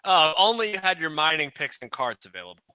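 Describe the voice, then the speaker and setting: A man's voice: fairly high pitch, very animated, fast, bright, forceful tone, clean tone, dry recording. A man narrating as game master in a tabletop game, hesitant and full of fillers.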